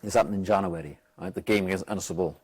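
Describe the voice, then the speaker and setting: A Welsh football manager animatedly tells a match story in casual chat, swearing a lot and loudly acting out what people said. He has a deep, slightly rough voice and talks fast.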